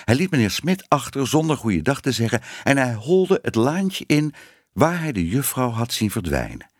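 A man's voice: mid-range voice, very animated, normal speed, no echo, clean studio sound. A man reading a children's story aloud as narrator, voicing the characters expressively.

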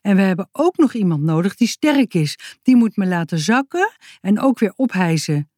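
A woman's voice: mid-range voice, big pitch swings, normal speed, dark tone, no echo, clean studio sound. A woman voicing an eager, inventive young boy in a read-aloud storybook.

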